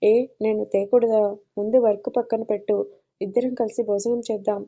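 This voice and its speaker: A woman's voice: medium pitch, little pitch movement, moderate pace, dull audio, lightly acted. Woman voicing a caring middle-aged uncle. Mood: confiding. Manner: gentle, confiding, advising.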